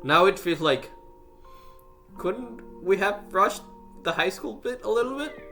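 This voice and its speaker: Bright-voiced man chatting over game music. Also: high-pitched, expressive, unhurried. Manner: thoughtful, hesitant with restarts. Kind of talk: casual chat during a game stream.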